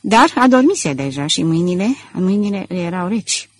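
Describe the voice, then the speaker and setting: A woman narrates an audiobook with measured, dramatic pacing. Her voice is low-pitched and husky. She keeps a steady storytelling tone throughout. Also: no room sound. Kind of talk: scripted narration.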